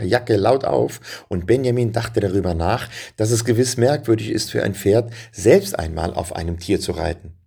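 Gravelly, husky male storyteller. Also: deep voice, a little mellow. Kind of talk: storybook narration and explaining a saying.

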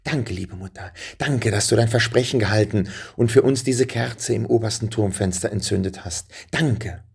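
A man voicing a brave, hopeful young boy riding a dragon in a storybook, with a gravelly voice and eager calls. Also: lowish voice, normal speed, darkish tone, full character voice. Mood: excited.

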